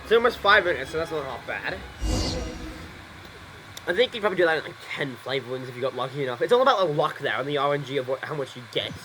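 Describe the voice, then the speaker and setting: A young man streams his gameplay with casual commentary, rambling, swearing and repeating himself. His voice is fairly high, expressive and fast. The recording is low quality, with game music playing behind him.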